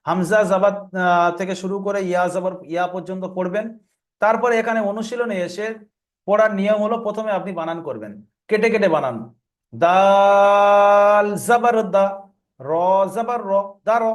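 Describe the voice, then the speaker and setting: Male Quran reading teacher, high-pitched and fast, step-by-step tutorial that drills letter sounds in a chant. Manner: explains rules, then drills letter sounds aloud in a repeating chant.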